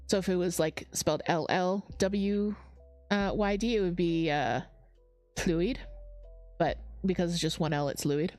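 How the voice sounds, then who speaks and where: A woman's voice: lowish voice, normal speed, a little mellow, soft background music. A woman hosting a crafting livestream, chatting casually, reading chat comments aloud and laughing often. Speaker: livestream host.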